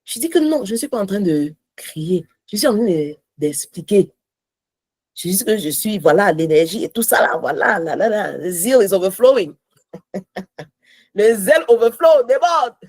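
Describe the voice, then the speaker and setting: Passionate husky-voiced woman teaching. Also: mid-range voice, expressive, normal speed, a little mellow, no room sound. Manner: passionate, switches between French and English. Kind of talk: devotional teaching on marriage.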